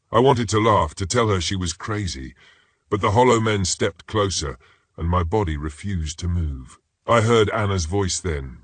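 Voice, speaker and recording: A man reading first-person horror stories as a scripted narration, in a steady, ominous manner. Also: deep voice, slightly rough, no echo, clean studio sound.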